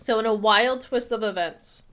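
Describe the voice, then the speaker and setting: A woman with a voice on the high side talks at normal speed while a crowd murmurs in the background. As a podcast co-host, she casually chats and tells anecdotes conversationally, voicing quotes from other people.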